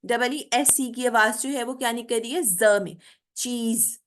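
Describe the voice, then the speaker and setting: Hindi-speaking woman teaching English slowly. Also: a little high. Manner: frequent "theek hai?" check-ins and "uh" fillers; slow, careful enunciation of English example words. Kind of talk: online spoken English lecture.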